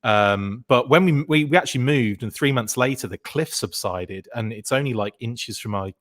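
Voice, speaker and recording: A man's voice: mid-range voice, normal speed, a bit bright. A man in his forties, a podcast guest, telling childhood stories in casual chat, full of fillers and restarts.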